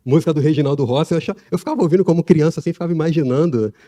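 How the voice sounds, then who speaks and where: A middle-aged man, preaching a sermon in a church in a relaxed, conversational way, with laughs and asides. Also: fairly high pitch, racing.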